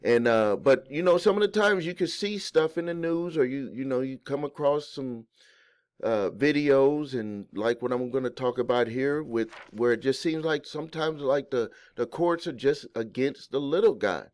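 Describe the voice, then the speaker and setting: A man talks straight to camera about debt and the courts, wandering into side stories as he goes. His voice sits in an ordinary middle pitch, and he fills the gaps with plenty of "you know" and "uh" as he restarts his thoughts. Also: moderate pace, darkish tone. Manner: rambling, conversational, many fillers and restarts; folksy storytelling asides. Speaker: host of a credit repair channel. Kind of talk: casual explainer monologue.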